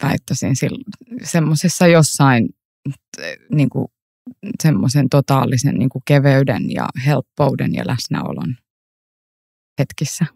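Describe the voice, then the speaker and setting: A woman's voice: rumbling low, vocal fry, pauses often, no room sound. Laughing, chatty woman telling stories, dry. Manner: animated anecdotes, frequent laughter, many fillers. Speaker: actor, podcast guest. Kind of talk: casual interview storytelling. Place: library room.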